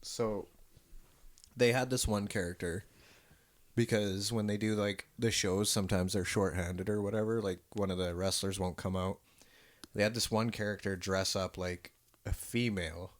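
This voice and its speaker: A man's voice: lowish voice, steady tone, moderate pace. A man co-hosting a casual podcast, rambling and swearing freely as he tells stories, with lots of restarts and fillers. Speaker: podcast co-host. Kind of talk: casual chat.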